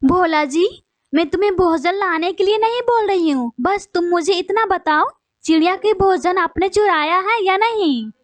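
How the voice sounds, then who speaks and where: A woman's voice: very high-pitched, lively intonation, normal speed, no room sound. A woman voicing a bossy wife bird in a cartoon, scolding and threatening her husband.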